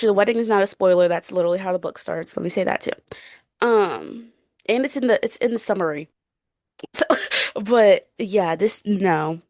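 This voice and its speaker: A young woman co-hosts a casual book podcast, sounding informal, emphatic and opinionated. Her medium-pitched voice has a darkish tone, recorded at studio quality with no echo.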